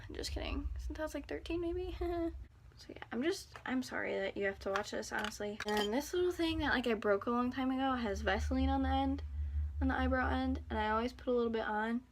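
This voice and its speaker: A teenage girl vlogger with a slightly high voice chats and rambles while she does her makeup, joking at her own expense. She records on a phone in a small bathroom, and a faint hiss sits under her voice. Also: fast. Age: teens. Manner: rambling, self-deprecating and chatty. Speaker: beauty vlogger. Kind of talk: casual get-ready-with-me vlog. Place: home bathroom. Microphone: phone camera nearby.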